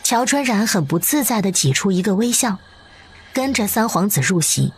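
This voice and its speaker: A woman narrating an animated drama in an expressive, story-reading way. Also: medium pitch, normal speed, breathy edge.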